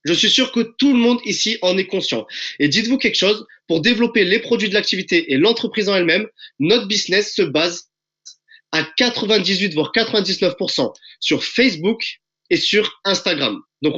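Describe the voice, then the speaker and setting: A man delivers a hyped sales pitch over a video call from his home, pressing his listeners and calling them friends. His voice sits high and sounds bright and forceful. The call audio is dull and lo-fi. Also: lively intonation, normal speed. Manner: enthusiastic and pushy, addresses audience as friends. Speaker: presenter of a recruiting webinar.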